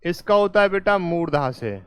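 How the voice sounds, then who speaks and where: A man's voice: high-pitched, expressive, moderate pace, clear, resonant tone, no echo. A male teacher giving a classroom lecture at a board, coaxing students with repeated quiz questions and calling them "beta". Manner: calls listeners "beta".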